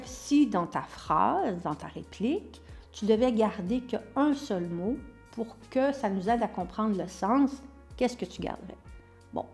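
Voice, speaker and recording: Québécois woman, acting teacher, explains and demonstrates, mid-pitched voice, faint music underneath. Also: a little mellow. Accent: Québécois French. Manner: explanatory, demonstrates stress by example. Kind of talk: online acting lesson.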